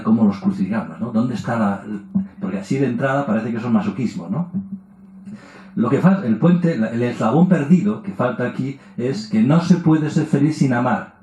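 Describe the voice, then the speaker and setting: A man's voice: medium pitch, mellow. Lecturing man in a roomy hall. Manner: rhetorical questions with tag words, acts out quoted voices. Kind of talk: public lecture.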